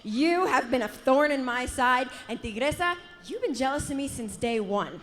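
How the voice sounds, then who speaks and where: Female wrestler promo: high voice, confrontational, dramatic emphasis. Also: expressive, moderate pace, a bit bright, soft background music. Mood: challenging. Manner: emphatic, theatrical. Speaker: pro wrestler.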